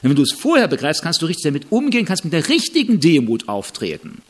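A middle-aged man preaching a sermon, animated, often asking his listeners for agreement. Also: fairly high pitch, fast talker. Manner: animated, questioning the audience.

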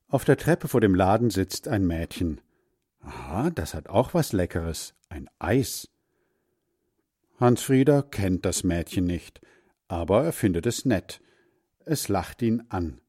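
Male storybook narrator, unhurried, lively intonation. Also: low voice, slightly rough, dry recording, studio quality. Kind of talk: reading a children's story aloud.

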